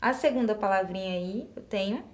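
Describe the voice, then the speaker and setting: A woman's voice: medium pitch, fairly quick, darkish tone. Brazilian woman teacher, patient step-by-step. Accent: Brazilian Portuguese. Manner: patient, step-by-step, asks and answers her own questions. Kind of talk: classroom lesson explaining exercises.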